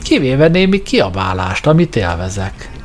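Brief: male reader doing a thick-headed hulking alien guard, slow halting delivery, pitch jumping high on hesitations, faint music bed. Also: big pitch swings, close to an everyday voice. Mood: slow, puzzled.

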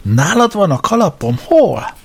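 A man voicing a tipsy, good-natured young gentleman who rambles and forgets things, as an audiobook character. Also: mid-range voice, sing-song, vocal fry, breathy edge, pitched above the performer's own voice, exaggerated voice. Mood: puzzled. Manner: effusive, forgetful, blustering.

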